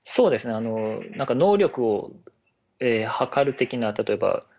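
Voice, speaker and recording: A man's voice: medium pitch, animated, moderate pace, vocal fry, a little mellow. Chatty polite man, lo-fi sound. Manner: polite, chatty, laughs often. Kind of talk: casual chat. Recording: dull lo-fi audio.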